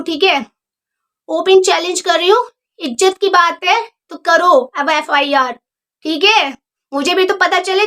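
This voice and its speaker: A woman YouTuber lecturing and scolding a rival in a callout vlog, firm and sarcastic without shouting. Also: very high-pitched. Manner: steady and firm, not shouting.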